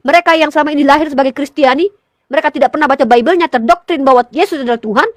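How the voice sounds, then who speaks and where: Woman, high-pitched, fervent, pleading, impassioned religious appeal, dry sound. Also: rapid-fire, no echo. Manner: fervent, pleading, rising to emotional peaks; addresses listeners as brothers in faith.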